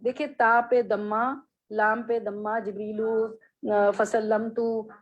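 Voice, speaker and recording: A woman with a fairly high voice teaches a classroom lesson. She reads short Arabic phrases slowly, then explains and drills them patiently, repeating words for her students. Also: little pitch movement, dull audio. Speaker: Islamic studies teacher.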